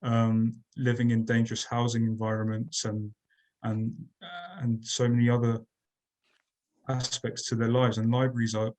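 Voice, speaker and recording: A man's voice: mid-range voice, fairly even intonation, normal speed, a little mellow, rough recording. A man from Croydon, answering as a candidate in a local debate in an earnest way. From Croydon, England. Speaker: council candidate.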